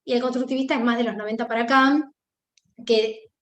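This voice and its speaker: A woman's voice: fairly high pitch, steady tone, brisk, echoey room, lo-fi sound. A woman with an Argentine Spanish accent giving a class lecture, thinking aloud with many fillers and restarts.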